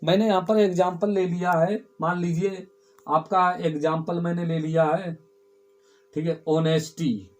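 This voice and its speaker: A man's voice: a little high, steady tone, a little slow, a little mellow. A male teacher giving a classroom grammar lesson, explaining step by step and repeating key words, often asking the class a question and answering it himself.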